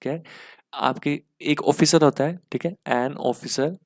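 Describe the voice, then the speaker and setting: A man teaching English for an exam in a mix, explaining step by step with rhetorical questions and spelling words out slowly. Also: a little high. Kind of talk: exam-prep lesson in Hindi-English mix.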